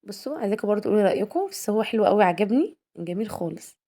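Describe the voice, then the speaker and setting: A woman's voice: medium pitch, sing-song, rapid-fire, dark tone. A young woman with an Egyptian accent, chatting casually in a home vlog, talking straight to her viewers as girls and asking their opinion. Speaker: homemaker vlogger.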